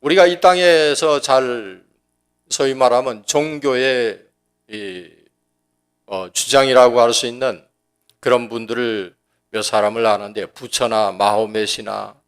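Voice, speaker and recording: A man's voice: medium pitch, fairly even intonation, takes it slowly, smooth. A pastor preaching a sermon in a folksy, joking, conversational way, often restarting his sentences. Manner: folksy and joking, acting out dialect quotes.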